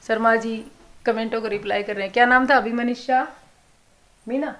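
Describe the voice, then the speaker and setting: A woman giving a soft-spoken, worried family update in a casual vlog, rambling on in long runs. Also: on the high side, fairly even intonation, moderate pace. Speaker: vlogger.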